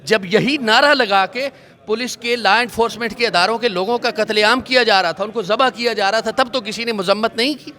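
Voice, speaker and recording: A male religious scholar answers a reporter's questions outdoors in a measured, sermon-like cadence, citing scripture as he goes. His voice sits high and sounds bright and forceful, picked up on a handheld mic in a city setting. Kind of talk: street interview answers.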